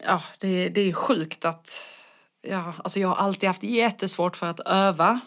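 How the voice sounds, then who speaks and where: Young adult female singer, low-ish voice, loose chatty storyteller, casual swearing. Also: a bit bright. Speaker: guest singer. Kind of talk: casual conversation.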